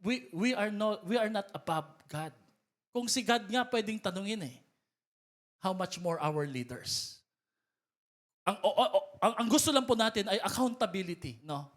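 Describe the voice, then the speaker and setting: Filipino-accented pastor, man, high-pitched, bilingual preaching, emphatic. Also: lively intonation, moderate pace. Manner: mixes Tagalog and English, rising to emphatic calls. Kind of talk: sermon. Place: church hall.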